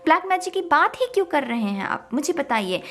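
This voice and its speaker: A woman's voice: high-pitched, big pitch swings, fairly quick, faint music behind. A woman who reads tarot, talking to her viewers about spiritual ideas, emphatic and full of rhetorical questions, mixing English words into her speech. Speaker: tarot reader.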